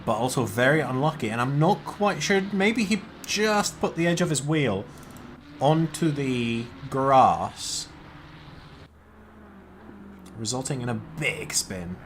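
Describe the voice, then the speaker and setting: Male esports race caller, banter-heavy, mid-pitched voice. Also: animated, unhurried, a little hiss or hum. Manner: jokey, swears, laughs between calls. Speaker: sim racing commentator. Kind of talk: casual esports race commentary.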